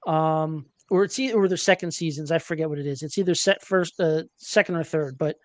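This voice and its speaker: A man hosting a casual sports podcast, chatty and hesitant, filling pauses with ums and uhs. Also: a little high, dry recording. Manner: chatty, hesitant with many fillers. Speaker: podcast host.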